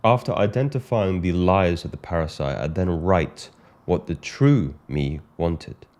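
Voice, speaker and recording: A British man speaking as a coach in a monologue, measured and emphatic, often repeating his key phrases. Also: low-pitched, darkish tone. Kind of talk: monologue to camera.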